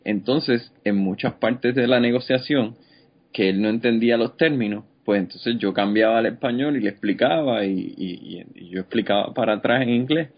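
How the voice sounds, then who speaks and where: A man co-hosting a podcast in casual chat, telling anecdotes in a relaxed way and laughing along. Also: mid-range voice, moderate pace, lo-fi sound.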